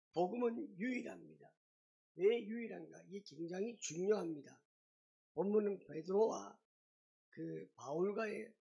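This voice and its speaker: Gravelly high-voiced preaching man. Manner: emphatic preaching with rising bursts of loudness. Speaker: pastor. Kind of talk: sermon.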